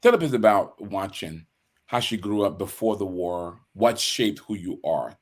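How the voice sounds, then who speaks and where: Deep-voiced male podcast host. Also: animated, a little slow. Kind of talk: interview hosting.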